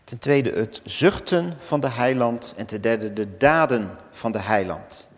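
A man preaching, reading scripture slowly and solemnly with deliberate pauses. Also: medium pitch, animated. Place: church. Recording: long church reverb.

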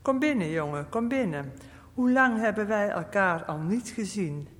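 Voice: medium pitch, animated, unhurried, close to an everyday voice. A storyteller voicing a cheerful, hospitable old man with a cracked voice, chatty and welcoming. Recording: long reverb.

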